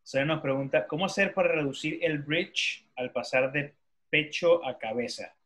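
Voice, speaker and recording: A man's voice: a little high, moderate pace, fairly bright tone. A man moderating an online talk, reading out audience questions in a hesitant way with restarts, over a video call.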